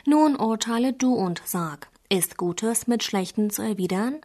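A woman's voice: a little high, lively intonation, unhurried, a little mellow. A thin, poor shepherd man from a spoken fable, as a woman narrator reads his lines. He sounds upset and wronged, in an everyday reading voice. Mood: pleading.

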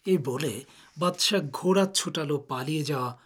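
A man hosting a radio program and narrating an old folktale in a calm, measured way. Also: a little high, husky. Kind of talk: storytelling narration.

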